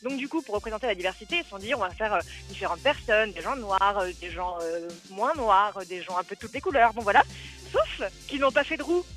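A woman's voice: medium pitch, lively intonation, fairly bright tone, faint music behind. A woman giving a playful, teasing web news column on radio, joking as she talks. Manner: playful, teasing, quick talk with laughs.

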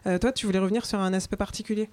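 A woman hosting a radio interview, speaking in a measured way with small hesitations. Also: mid-range voice, fairly even intonation, darkish tone. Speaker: radio host. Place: radio studio.

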